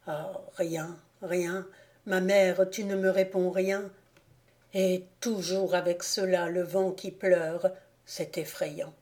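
A frightened young man pleads in the dark, his voice soft and hushed, spoken slowly by a woman reading him aloud in an audiobook. The tone is low and mellow, never sharp, with a warm, dark color. He sounds lost and desperate, begging for an answer. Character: anguished young man calling to his dead mother.

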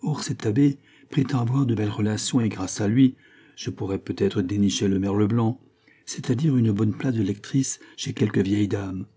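A man's voice: lowish voice, moderate pace, mellow, breathy edge. A man reading a novel aloud in first-person narration, raising his voice for the dialogue. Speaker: audiobook reader.

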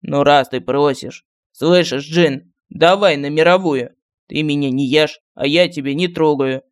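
A man's voice: on the high side, level tone, moderate pace, clear, resonant tone, no room sound, natural voice. A man voicing a sarcastic, practical talking medallion that mocks others in a dry way, in an audiobook. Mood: grudging. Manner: mocking and dry.

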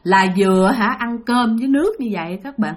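A woman's voice: a little high, expressive, fairly quick. A woman telling a ghost story in a chatty way, talking straight to her listeners. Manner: chatty, addresses listeners directly, lots of fillers.

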